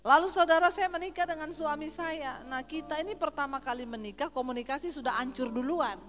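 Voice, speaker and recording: A woman pastor with a Sulawesi accent preaches with humorous, animated storytelling. Her voice sits high. It echoes through a church hall with faint music behind. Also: a little fast. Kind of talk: sermon.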